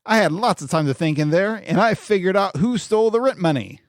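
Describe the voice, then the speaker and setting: A man's voice: high voice, animated, fairly quick, no room sound, clean studio sound. A man voicing a broke, scheming young detective in a read-aloud mystery story. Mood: sly.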